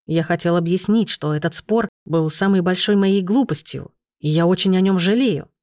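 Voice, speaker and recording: A remorseful young man earnestly begging his girlfriend to stay, read by a woman in an audiobook. The voice sits low and plain. The recording is dry and close. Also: moderate pace, a little mellow, no echo, lightly acted. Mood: pleading. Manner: pleading, earnest. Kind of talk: audiobook reading.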